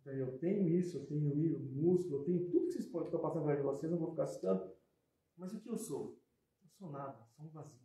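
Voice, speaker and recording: A man with a Brazilian accent giving a spiritual lecture, conversational, with soft asides and loud emphatic bursts. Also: on the high side, fast. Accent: Brazilian Portuguese. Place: hall at a spiritist center. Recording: echoey hall.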